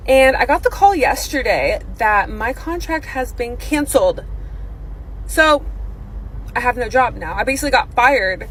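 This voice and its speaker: A woman's voice: fairly high pitch, fairly bright tone, a little hiss or hum, poor audio. A woman travel nurse talking casually to camera in a wry, sarcastic way.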